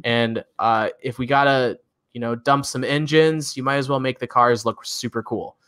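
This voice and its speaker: A man's voice: mid-range voice, fairly even intonation, normal speed, a bit bright, clear, resonant tone. A man with a Midwestern accent co-hosting a car news recap, talking in an enthusiastic, chatty way. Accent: Midwestern American. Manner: chatty, enthusiastic, frequent fillers and laughs. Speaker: co-host of a car news show. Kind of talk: casual news recap chat.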